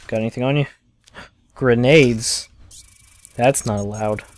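A man's voice: mid-range voice, steady tone, slow. Chatty male let's play host with a mid-range voice, talking casually as he plays. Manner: chatty, reads game text aloud as he plays. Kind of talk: casual gameplay commentary.

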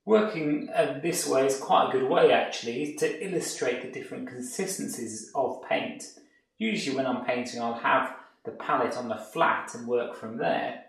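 A man gives a relaxed painting tutorial, thinking aloud as he works. His voice has a gravelly edge. The room rings with strong echo, and he sounds set back from the mic. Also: mid-range voice, moderate pace, far from the mic. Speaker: art tutor.

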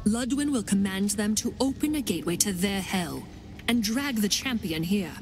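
An actress voicing a vengeful warrior queen in a video game, a grieving mother with iron will who speaks gravely and with command. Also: mid-range voice, expressive, normal speed, close to an everyday voice. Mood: grim, vengeful. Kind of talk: video game character dialogue. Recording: music behind the voice.

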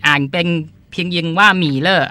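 A man's voice: fairly high pitch, fairly quick, pushed and bright, no room sound. A man hosting a podcast, chatting casually as he explains terms and often repeats them with polite particles. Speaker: podcast host and translator.

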